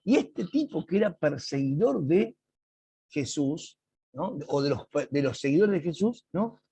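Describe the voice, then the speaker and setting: Man, Bible teacher in an online class, husky voice, dry close sound. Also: on the high side, lively intonation, mellow, no echo. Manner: slow, emphatic explaining with dramatic read-aloud quotes. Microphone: video call.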